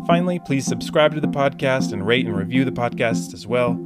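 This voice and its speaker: A man's voice: medium pitch, expressive, brisk. A man hosting a puzzle podcast in a conversational way with wry, jokey asides, recorded in a small closet. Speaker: podcast host. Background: music.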